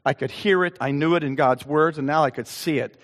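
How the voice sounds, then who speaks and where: Preaching in a church sanctuary, an older pastor reads scripture emphatically within an earnest, conversational sermon. His voice is a little high and a little fast, trailing a long hall reverb.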